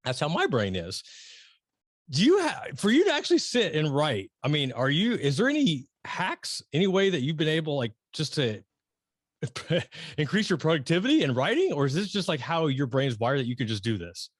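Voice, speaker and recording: A middle-aged man hosting an interview, talking casually and rambling with many restarts and excited emphasis. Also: a little high, normal speed, dry recording, studio quality. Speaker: podcast host interviewing a guest.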